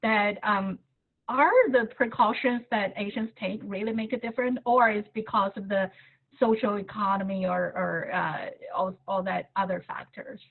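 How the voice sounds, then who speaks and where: A woman reporter asking a question at a press briefing over a video call, halting and searching for words. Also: mid-range voice, steady tone. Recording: tinny phone-like video call line.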